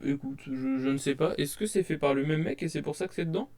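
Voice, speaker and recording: A man's voice: fairly high pitch, very animated, fast talker, vocal fry, darkish tone. A young man casually rambling through his manga purchases at his desk, hesitant with many fillers and restarts. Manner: self-described shy. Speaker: manga collector showing purchases. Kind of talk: casual haul vlog to camera. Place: at home at a desk. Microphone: desk webcam.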